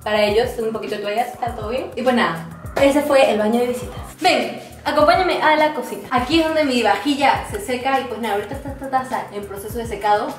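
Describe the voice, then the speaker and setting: Speaking quickly at a fairly high pitch, a woman in her twenties with a Peruvian accent shows viewers around her house in a casual, joking chat to camera, playful and mock-serious. The small, hard-walled rooms sound echoey on the camera mic, and clear music plays in the background.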